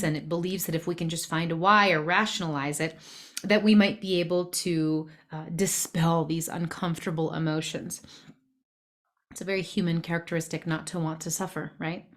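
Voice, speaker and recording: A woman coach giving a thoughtful, explanatory presentation with frequent fillers. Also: fairly low pitch. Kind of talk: presentation talk.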